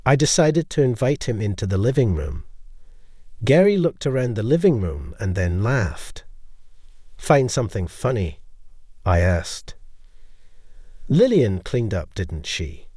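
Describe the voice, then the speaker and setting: A man narrating a first-person story with steady storytelling. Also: lowish voice, dry recording, studio quality.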